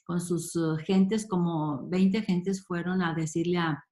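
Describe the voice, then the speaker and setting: A woman's voice: on the low side, steady tone, slow pace, dark tone, reverberant. A woman leading a Bible study. She reads verses aloud, then explains them with emphatic questions. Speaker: Bible teacher.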